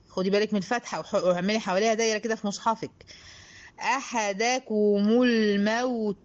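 A woman with an Egyptian accent teaching a tajweed lesson to a female student. She stretches the verses out slowly, then explains them briskly. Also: medium pitch, highs cut off. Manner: slow, drawn-out recitation between brisk explanations; addresses a female student directly, instructive. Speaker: Quran teacher.

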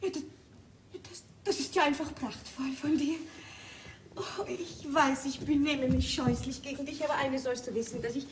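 A young actress playing an earnest, soft-spoken wife who is leaving her husband, in a stage play recording. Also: sits high, fairly even intonation, normal speed, lightly acted. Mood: grateful. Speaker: Elizabeth. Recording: distant stage mic with faint room noise.

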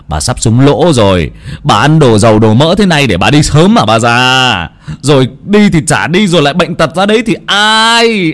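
Casting: a man doing a scornful ungrateful son, growling and loud, storybook. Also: medium pitch, lightly acted. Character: gruff cruel middle-aged son, scornful.

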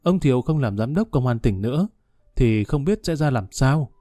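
A man reading a calm older gentleman. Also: mid-range voice, moderate pace, no room sound, clean studio sound, natural voice. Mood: assured. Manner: reasoned, reassuring.

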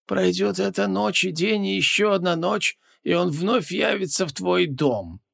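A man voicing a male scorpion-man demon in an audiobook, with a hoarse, wheezy voice and curt replies. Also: high-pitched, unhurried, fairly bright tone, dry recording, clean studio sound, pitched above the performer's own voice, exaggerated voice. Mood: curt, flat. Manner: terse one-word answers.

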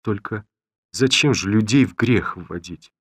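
A tender young village woman, quiet and resigned to her fate, as a male reader voices her. She speaks low and hushed, sinking well below the telling around her, in a close, dry storybook reading. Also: unhurried, husky, no room sound. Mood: earnest. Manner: soft, quiet and earnest.

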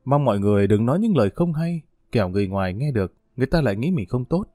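A man voicing a dignified old mother speaking in a measured, conciliatory way. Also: medium pitch, lively intonation, dark tone, dry recording, clean studio sound, natural voice. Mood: earnest.

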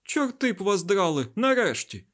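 A man voicing an agitated male scientist in an audiobook, loud and urgent. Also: high voice, lively intonation, moderate pace, voice pushed up. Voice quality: loud, raised, breathless urgency. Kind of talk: audiobook character voice.

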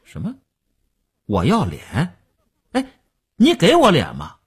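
A man's voice: a little high, huge pitch swings, takes it slowly, breathy edge, pitched above the performer's own voice, exaggerated voice. A man voicing an angry, jealous man who hurls mocking, insulting questions. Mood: furious. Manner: shouting accusations, mocking questions.

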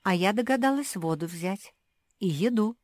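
A woman's voice: mid-range voice, expressive, moderate pace, a little mellow, no room sound, pitched above the performer's own voice, natural voice. A woman voicing a bossy, firm young pug girl in a children's story. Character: bossy, practical young female pug leader.

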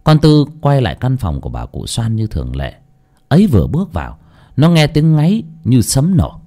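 A man narrating an audio storybook in an expressive, dramatic storytelling manner. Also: medium pitch, normal speed.

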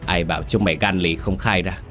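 A sneering bandit leader, played by a male narrator threatens his victims in a deep, low voice. He speaks in a cold, menacing way over faint background music in a spoken horror tale. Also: steady tone, fast, lightly acted.

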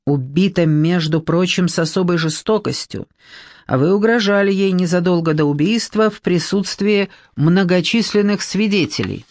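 A woman's voice: fairly low pitch, moderate pace, darkish tone, no room sound, lightly acted. A cold, pressing female police investigator, read by a woman narrator in an audiobook detective story. She leans on every accusation with a stern, hissing edge. The recording is dry and close.

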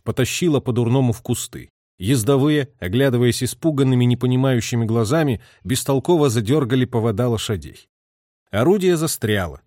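A man's voice: medium pitch, darkish tone, dry recording, studio quality. A man reading a war novel aloud with dramatic, varied delivery. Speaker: audiobook narrator.

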